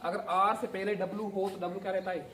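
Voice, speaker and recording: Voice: mid-range voice, level tone, fast talker, fairly bright tone, slight background noise. A teacher giving a grammar lesson, spelling words out letter by letter and asking the class questions. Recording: echoey classroom from far off. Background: class of students answering.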